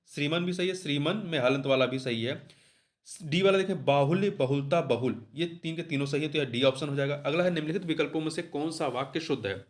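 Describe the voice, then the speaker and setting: Hindi tutor man with a high voice. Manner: repeats answers with rhetorical questions. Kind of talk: explaining test answers.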